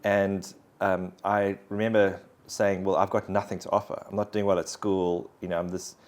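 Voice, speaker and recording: Guy with a deep low voice, telling his story all earnest and thoughtful. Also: level tone, normal speed, darkish tone. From South Africa. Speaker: interview guest sharing faith story. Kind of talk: conversational personal testimony.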